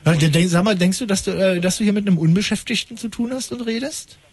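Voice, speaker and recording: A man's voice: sits high, fast, a little mellow, breathy edge. A man hosting a call-in radio show, talking in an ironic, rambling, mock-pompous way. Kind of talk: late-night call-in radio banter.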